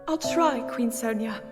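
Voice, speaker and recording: Young game princess: high, measured, gentle yet resolute. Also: female voice. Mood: humble, hesitant. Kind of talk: video game cutscene acting.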